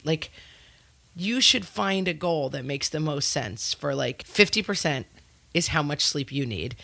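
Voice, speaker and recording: A woman's voice: deep voice, gravelly, fairly bright tone, no echo. A woman in her forties chatting casually as a podcast co-host, her nose stuffed up with a cold and her manner wry and self-deprecating. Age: 40s. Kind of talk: casual chat.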